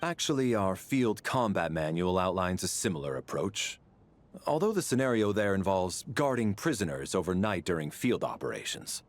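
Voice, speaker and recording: A dutiful military agent in a video game, measured and precise. His low voice still rises and falls with lively shape. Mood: formal.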